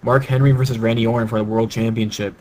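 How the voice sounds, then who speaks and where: A man co-hosting a podcast in casual chat, joking, laughing often and breaking into bursts of excitement. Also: medium pitch, fast talker, low-quality recording. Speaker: podcast co-host.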